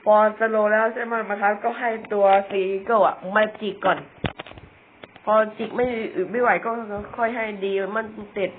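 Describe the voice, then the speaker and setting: A high-voiced young man narrates a video game in an unhurried, fairly even tone, chatting casually and joking about himself. He stumbles and repeats words often. Faint noise sits under the tinny, phone-like audio of this gamer.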